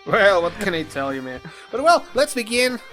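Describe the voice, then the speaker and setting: A man's voice: sits high, big pitch swings, normal speed, pushed and bright, soft background music. A man from Mexico with a Mexican accent, co-hosting a podcast in casual, joking, profane banter. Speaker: podcast co-host. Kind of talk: casual chat.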